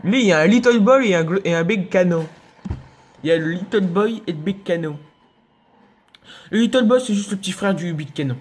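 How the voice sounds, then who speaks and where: A young man giving excitable let's play commentary, yelping and laughing at enemies. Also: sits high, brisk, pauses often. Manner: excitable, shouts and yelps at enemies, laughs often. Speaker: gaming youtuber.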